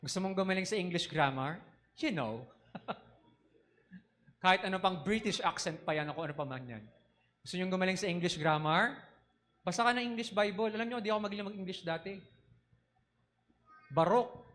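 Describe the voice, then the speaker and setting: A man preaching a sermon in an animated way, switching between Tagalog and English and asking the congregation questions. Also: high-pitched, normal speed, long pauses.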